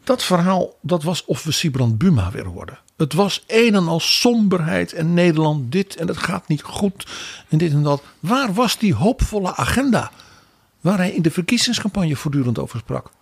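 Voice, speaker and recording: Gravelly, raspy man. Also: fairly high pitch, moderate pace, no room sound. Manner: animated, wry commentary with quoted asides. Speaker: podcast co-host. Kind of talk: political analysis chat.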